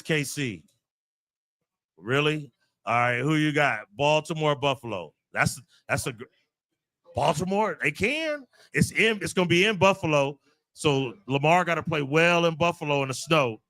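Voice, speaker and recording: A man with a bright, fairly high voice hosts a laid-back podcast chat. He runs through picks in quick back-and-forth questions, recorded close and dry. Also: dry recording. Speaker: podcast host. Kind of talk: casual chat.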